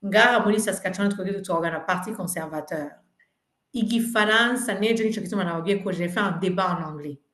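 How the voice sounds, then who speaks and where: A political candidate from Burundi, a woman whose first language is French, earnestly answers questions at a virtual community meeting, persuasive and mixing languages. Her medium-pitched voice is fairly quick and fairly bright, with a roomy sound from the video-call microphone.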